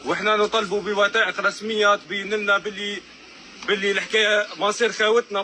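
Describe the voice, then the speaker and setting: An Algerian man giving a public statement as a families' spokesman, arguing haltingly and mixing in French words. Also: sits high, pushed and bright, slight background noise. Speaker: spokesman for families of missing migrants.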